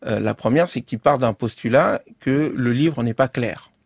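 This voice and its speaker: A French-speaking man, appearing as an author and interview guest, thinks out loud in measured speech full of fillers and restarts. His medium-pitched, creaky voice is miked closely, with no room sound.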